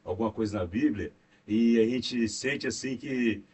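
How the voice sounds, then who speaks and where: A Brazilian man co-hosting a podcast talks devoutly in a casual conversation, rambling and relying on frequent fillers. His voice is medium-pitched, unhurried, and darkish with a breathy edge, and he speaks with a Brazilian Portuguese accent. The distant mic picks up faint noise.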